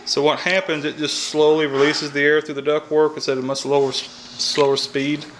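Speaking fairly quickly in a slightly high, fairly bright voice with flat delivery, a man in his thirties with a Kentucky accent explains heating and air repair on the job. Shot on a camera mic with slight background noise, it goes from outdoors by an AC unit to inside a house. The HVAC tech is folksy, thinks out loud, and often says "all right."

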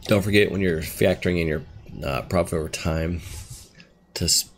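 A man's voice: low-pitched, fairly even intonation, moderate pace, a little hiss or hum. A man giving laid-back, rambling commentary over his gameplay, thinking aloud as he plays. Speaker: gaming video host.

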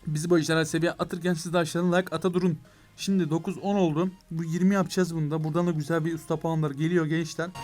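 Fast, high-pitched excitable young man. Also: faint music behind. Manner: excitable, addresses viewers as "gençler"; talks to the game, mock outbursts of frustration. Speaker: gaming YouTuber. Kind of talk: mobile game let's play commentary.

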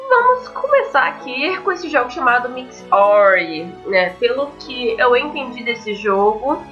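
A young adult woman with a Brazilian accent hosts a casual let's play video, chatting to viewers, reading game text aloud, and tossing in frequent tag questions. Her voice is fairly high and fairly bright, with big pitch swings at a measured pace. The mic sounds slightly dull over faint game music.

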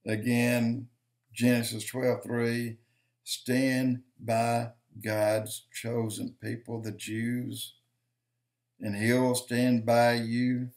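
An older man, a video commentator, delivers slow, emphatic commentary in a preaching style to a webcam in his home office, counting off points and repeating lines for emphasis. His mid-range voice is a little mellow, with a flat delivery.

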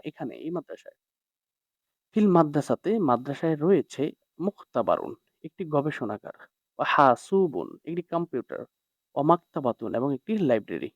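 A fairly high-pitched man, recorded without echo, explains an Arabic text to his class line by line. He translates word by word and pauses to check on his students, all in dry, dull lo-fi sound.

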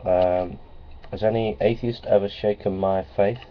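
Sitting in a small office with framed certificates on the wall, a middle-aged man vlogs casually into a close webcam. His voice is on the low side, a little slow, with fairly even intonation, and he speaks plainly, repeats phrases, and says um and uh a lot. The webcam sound is dull and lo-fi, with a faint hiss.

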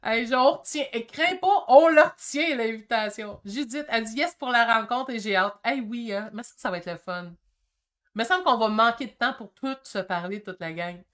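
An energetic woman in her fifties with a Québécois French accent, hosting a casual painting livestream. Her voice sits a little high, and she talks in eager bursts that swing between loud and soft. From Quebec. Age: 50s. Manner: excitable and chatty, quick shifts in energy. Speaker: painting channel host. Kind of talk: casual livestream chat reading comments.

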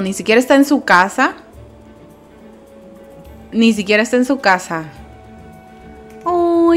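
Chatty woman, yelps at every scare. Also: a little high. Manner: chatty, easily alarmed, shrieks at scares. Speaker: gameplay commentator. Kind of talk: casual let's-play commentary.

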